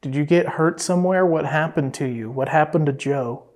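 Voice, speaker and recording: A paranormal investigator calmly coaxing and questioning an unseen presence during a night investigation. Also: medium pitch, normal speed, noisy background.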